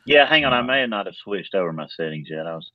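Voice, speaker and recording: A man's voice: deep voice, lively intonation, quick pace, no room sound. A man co-hosting over a remote call, his voice sounding thin like AM radio as he chats casually and jokes easily. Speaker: co-host calling in. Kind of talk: casual chat. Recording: dull lo-fi call line.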